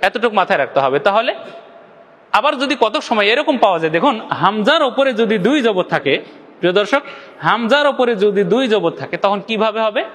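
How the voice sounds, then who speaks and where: Speaking straight to viewers, the Bangladeshi teacher walks through Quran recitation one step at a time, asking and answering his own questions and drawing out sample syllables. The hall is large, and his high, slightly bright voice moves briskly and with animation.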